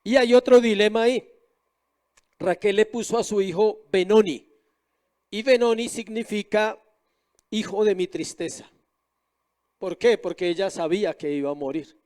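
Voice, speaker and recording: A man's voice: high voice, normal speed, pauses often, darkish tone. A middle-aged male pastor preaching a sermon, often asking the congregation questions.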